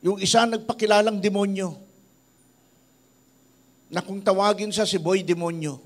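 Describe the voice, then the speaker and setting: A middle-aged man from the Philippines preaches to his church, telling stories about people he has met. His voice sits a little high, and he lifts it or drops it low as he speaks the lines of the people in the stories. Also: moderate pace. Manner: tells stories in a lively voice, quoting people he met. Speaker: pastor. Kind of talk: sermon with storytelling.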